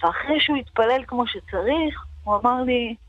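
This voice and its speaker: A woman's voice: on the high side, no echo. A woman guest on a radio show, recounting a personal experience with feeling and repeating words for emphasis. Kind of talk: emotional personal testimony. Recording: dull dry radio recording.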